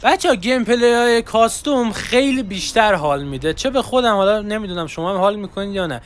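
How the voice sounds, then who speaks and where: A young man streaming a mobile shooter, chatting excitedly to his viewers as he plays. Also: high voice. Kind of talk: live gameplay commentary.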